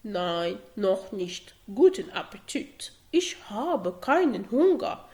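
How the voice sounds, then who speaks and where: A woman's voice: medium pitch, big pitch swings, a little mellow, voice pushed down. A woman doing a young man in a German practice dialogue. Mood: friendly. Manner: slow, careful textbook German phrases.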